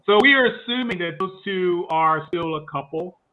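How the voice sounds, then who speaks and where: A man's voice: high-pitched, lively intonation, normal speed, phone-quality sound, over a noisy crowd. A man hosting a livestreamed movie review chat, rambling along with frequent fillers and restarts.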